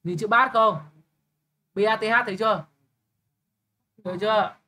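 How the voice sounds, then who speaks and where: A young man tutoring English, briskly quizzing a student with quick questions and blunt, teasing remarks. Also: sits high, sharp tone, a little hiss or hum. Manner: brisk, keeps checking understanding with quick questions. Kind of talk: live tutoring lesson.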